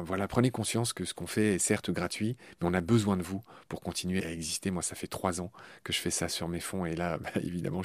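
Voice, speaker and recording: A man's voice: sits low, darkish tone, no room sound. A man hosting a podcast and interviewing a guest in a friendly, curious way. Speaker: podcast host. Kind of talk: casual interview.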